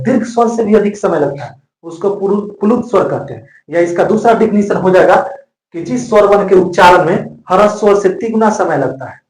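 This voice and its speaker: A man teaching a classroom grammar lesson, repeating each point several times so students can note it down. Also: sits high. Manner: repetitive, drills points by repeating them. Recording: echoey room.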